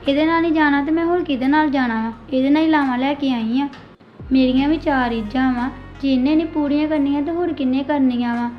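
A woman's voice: sits high, fast, dull audio, soft background music, natural voice. Woman as a pleading young wife. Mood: plaintive. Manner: pleading, plaintive. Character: young wife pleading for her husband's care. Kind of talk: amateur family drama.

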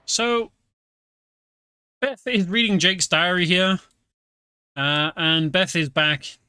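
Speaking slowly in a high, sharp voice, a British man gives relaxed let's-play commentary while streaming a video game, explaining it chattily with lots of fillers. The sound is dry and clean, studio quality, yet the game music comes through clearly underneath.

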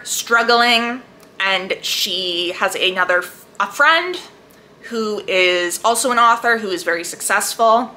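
A book vlogger talks casually at medium pitch, her voice bright and forward. She's animated and emphatic, gushing in a chatty way. Some faint noise sits in the background.

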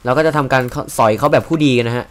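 A young man casually commenting while he plays a block-building game, chatty and joking, with loud exclamations. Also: medium pitch, fast, slight background noise. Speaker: gaming video host.

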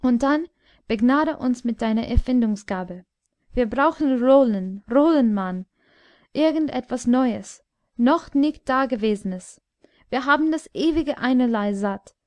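A loud, mocking tyrant king, played by a woman reading an audiobook. He bullies and jeers in a raised voice, set a little high, at a slow, deliberate pace. The sound is dry and close with no room around it. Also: expressive, no echo. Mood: jovial. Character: cruel boisterous male king, jeering tyrant. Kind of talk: audiobook character voice.

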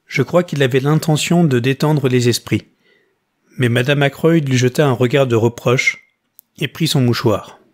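A man reading a novel aloud in even, measured narration. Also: medium pitch. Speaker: audiobook reader.

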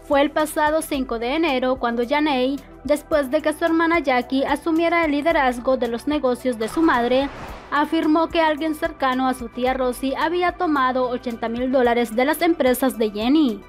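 A woman reading scripted entertainment news narration, quotes included in the same even voice. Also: high voice, moderate pace. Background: faint music.

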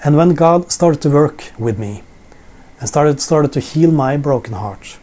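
A little high and darkish in tone, his voice is animated but kept at a measured pace. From his living room sofa in Norway, this middle-aged man with a Norwegian accent gives informal Bible teaching in English to a front-positioned camera in a seated framing, often repeating words while searching for them.

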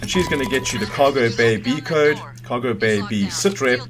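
With a mid-range, somewhat bright voice at a moderate pace, a gamer gives a casual walkthrough of a game, working things out aloud and amending his remarks. Music and sound effects from the game fill the background.

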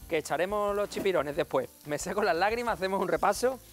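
A man's voice: sits high, expressive, quick pace, soft background music. A man demonstrating a recipe on a TV cooking show, chatty and playful, joking with viewers. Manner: playful and jokey, addressing viewers as family. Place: TV studio kitchen.

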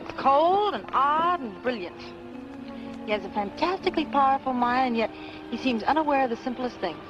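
Self-assured young film nurse. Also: female voice, high voice, expressive, moderate pace, dull audio, over music. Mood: conversational. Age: young adult. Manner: light, teasing, self-assured. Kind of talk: 1950s film acting.

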